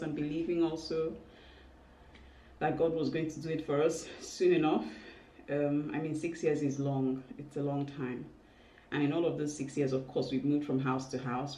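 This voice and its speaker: A woman's voice: deep voice, mellow. Candid emotional woman vlogging in a roomy space. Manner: emotional, candid, halting with small exclamations. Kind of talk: casual confessional vlog talk. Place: indoors in a home room. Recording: roomy, distant mic, faint noise.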